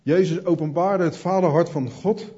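A man's voice: a little high, moderate pace, warm tone, slightly rough, muffled recording. A man preaching an earnest sermon, speaking directly to his listeners.

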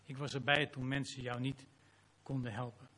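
A man's voice: mid-range voice, little pitch movement, normal speed, pushed and bright. A man preaching a sermon as pastor, reading scripture dramatically and closing in prayer.

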